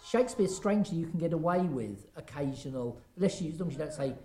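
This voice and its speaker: Theatre actor, casual interview, animated storyteller, middle pitch, echoey room. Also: quick pace. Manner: animated storyteller, quotes lines.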